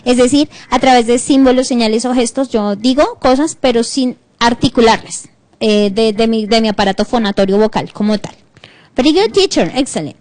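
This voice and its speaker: A woman's voice: a little high, normal speed, no room sound. A woman with a Colombian accent teaching an online class, reading English terms aloud and explaining them. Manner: switches between reading English and explaining, animated. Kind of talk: bilingual online class lecture.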